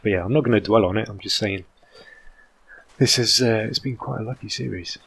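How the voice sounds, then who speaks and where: A man's voice: lowish voice, brisk, creaky, a bit bright, a little hiss or hum. A man in his thirties from England, whose British accent carries an American tinge, gives casual let's-play commentary, chatty and rambling with many "um"s. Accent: British English mixed with American. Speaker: gaming channel host.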